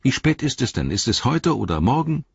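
A man voicing a loyal, plain-spoken male hobbit who talks bluntly in a raised, lively voice, in a slightly dull recording. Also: mid-range voice, a little fast, creaky, breathy edge, dry recording, pitched above the performer's own voice, exaggerated voice.

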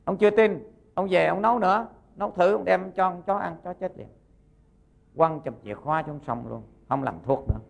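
Man, Buddhist monk, gravelly fry, slightly high, folksy sermon storytelling. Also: brisk. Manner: folksy storytelling, acting out the characters' lines.

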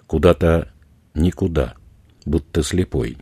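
A man narrating an audiobook in a measured, unhurried reading. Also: a bass voice, warm tone, breathy edge, dry recording. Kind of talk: scripted narration.

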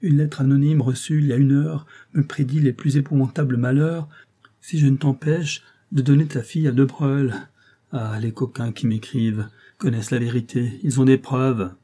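A frightened, fussy older nobleman, as a male reader puts him on, his voice pushed up high and loud with alarm. He pleads and frets in an agitated rush, with a dark, husky undertone. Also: steady tone, moderate pace, lightly acted.

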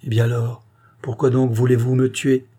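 A man voicing a gentle, majestic queen who speaks softly and sweetly in a storybook reading. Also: medium pitch, flat delivery, normal speed, breathy edge, natural voice. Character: gentle, dignified queen, middle-aged woman.

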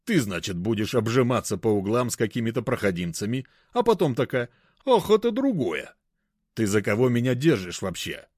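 A man's voice: medium pitch, very animated, moderate pace, a little mellow, no echo, studio quality. A man voicing a jealous young man who accuses his girlfriend sarcastically. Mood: sarcastic.

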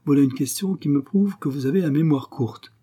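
A man's voice: a little high, brisk, mellow, husky, pitched above the performer's own voice. A man doing a shrewd ironic stranger. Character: shrewd, cool mysterious armorer, adult man.

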